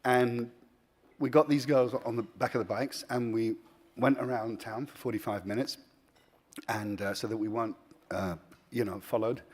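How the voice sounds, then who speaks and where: A man giving an earnest award acceptance speech as a charity founder, with many pauses and restarts, swinging between emphatic and soft delivery. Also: medium pitch, steady tone.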